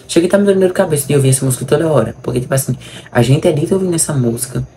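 Fast-talking young Brazilian man, creaky. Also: a little high, noisy background. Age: young adult. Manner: colloquial, exasperated, teasing. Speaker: vlog host recapping a soap opera. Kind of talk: casual reaction commentary. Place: small room indoors.

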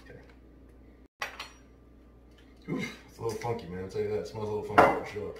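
Casual home-cook host, New man, low voice, off-the-cuff, picked up from across a roomy kitchen. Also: steady tone, a little fast, far from the mic, very noisy. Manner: chatty, offhand, talks while working. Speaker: home cooking show host. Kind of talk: casual cooking demonstration. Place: large home kitchen, indoors. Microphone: camera mic at a distance, then close to camera. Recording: roomy kitchen sound, heard from afar.

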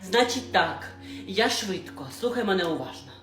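A woman voicing a fierce, protective middle-aged mother who speaks loudly and threateningly. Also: medium pitch, lively intonation, normal speed, close to an everyday voice. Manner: loud and threatening. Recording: roomy room with faint music.

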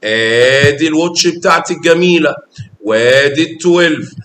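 A man's voice: normal speed, a bit bright. A man with an Egyptian Arabic accent teaching a class of young children, patient and affectionate, coaxing them along with pet names. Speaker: math teacher. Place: echoey classroom. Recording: echoey classroom with faint rumble.

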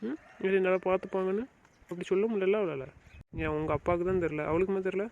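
A man's voice: fairly even intonation, fast talker. A man playing a pleading, coaxing husband. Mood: advising. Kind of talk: amateur web drama acting. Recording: muffled low-fidelity recording.

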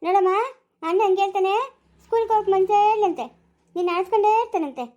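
A busy, chiding mother of the house, played by a woman, talking quickly in a very high voice. Her manner is brisk and scolding, as in a homemade family skit. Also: warm tone, lo-fi sound.

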